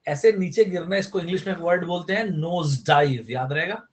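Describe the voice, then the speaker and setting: A man's voice: high-pitched, fast. A man giving a casual online vocabulary lesson, chatty and playful, spelling words out letter by letter. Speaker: vocabulary teacher.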